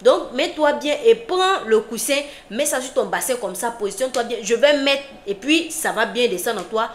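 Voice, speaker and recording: A woman voicing a deceptive grown man who keeps calmly reassuring and persuading his young wife. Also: fairly high pitch, moderate pace, slight background noise, lightly acted. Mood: coaxing. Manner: coaxing, reassuring. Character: smooth-talking deceptive husband, grown man. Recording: roomy with faint background ambience.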